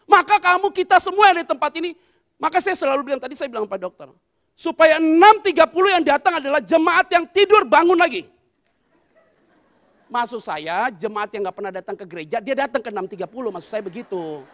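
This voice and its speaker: A man's voice: extremely high pitch, expressive, brisk, fairly bright tone. A male pastor preaching a sermon. He tells a story, acts out the dialogue and calls on the congregation to respond.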